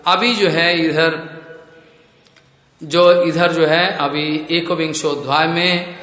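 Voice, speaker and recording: A man's voice: a little high, fairly bright tone. A man giving a devotional sermon as a spiritual teacher. He chants scripture verses between stretches of storytelling. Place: temple hall. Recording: echoey hall with long reverb.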